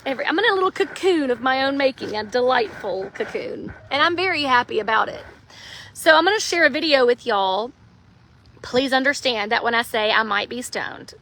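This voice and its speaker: Woman livestreaming from her front yard on a phone, high and bright, rambling and giggly. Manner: giggly, rambling, self-mocking. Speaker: livestream host. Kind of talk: rambling live chat. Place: front yard, outdoors, lying in a hammock. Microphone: phone held in hand.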